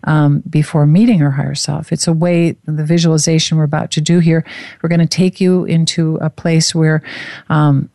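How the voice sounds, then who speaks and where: A host guiding a relaxation visualization in a soft, slow, soothing manner. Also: medium pitch, flat delivery, no room sound, clean studio sound. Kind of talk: guided relaxation meditation.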